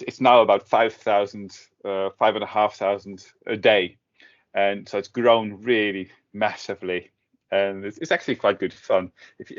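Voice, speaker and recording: A middle-aged man from the Netherlands talks casually, often stopping to restart his sentences. His voice sits on the low side. The audio is dull and lo-fi. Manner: hesitant, many restarts and fillers. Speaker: guest, tech blogger. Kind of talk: casual interview talk.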